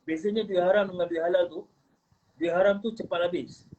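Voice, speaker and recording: Earnest man, dark muffled voice. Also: high-pitched, fairly even intonation, fairly quick. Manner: earnest, rambling, mixes in English phrases. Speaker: guest. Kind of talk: casual personal testimony. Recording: muffled recording with faint noise.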